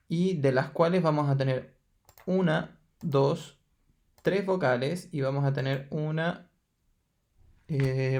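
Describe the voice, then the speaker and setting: A man's voice: a little high, creaky, darkish tone. A man teaching a math lesson in Chilean Spanish, patiently counting through each step aloud and checking in with his students. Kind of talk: recorded lesson explaining exercises.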